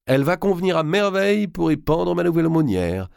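A man voicing a haughty, sly young noble queen in a high, theatrical voice. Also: brisk, darkish tone, no echo, clean studio sound, lightly acted. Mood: gushing, commanding.

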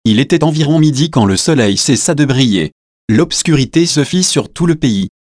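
A man narrating a solemn scripture reading in a slow, measured way. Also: mid-range voice, animated, darkish tone, dry recording, clean studio sound. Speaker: reader.

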